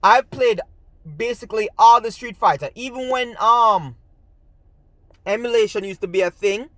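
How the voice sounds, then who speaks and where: A Jamaican-accented man hosts his own gaming channel, ranting to camera in a heated, rambling way and restarting often. His voice sits high and fairly bright, he talks at a moderate pace, and the recording has no echo.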